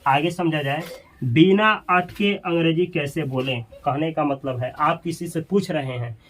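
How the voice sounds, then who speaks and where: A man's voice: a little high, unhurried, fairly bright tone. A man teaching an English grammar lesson, asking questions and repeating the class's answers.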